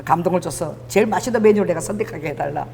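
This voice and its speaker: A woman pastor preaching a sermon, telling stories in an animated way and laughing as she goes. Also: on the low side, racing, vocal fry, in a large hall, slight background noise.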